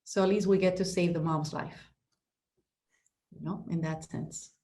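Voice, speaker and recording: Unhurried and fairly even in intonation, this lowish, dark voice belongs to a middle-aged real estate broker from Ecuador appearing on a podcast. In the conversational interview she is passionate and emphatic, with many restarts and repeated "you know"s.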